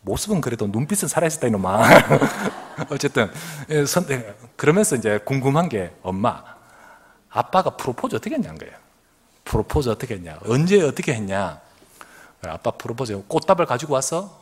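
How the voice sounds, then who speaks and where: A man's voice: mid-range voice, normal speed, breathy edge. A middle-aged man preaching a sermon as pastor, telling stories with laughter and acting out the voices of others. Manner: animated storytelling with laughter, acts out quoted voices. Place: church sanctuary.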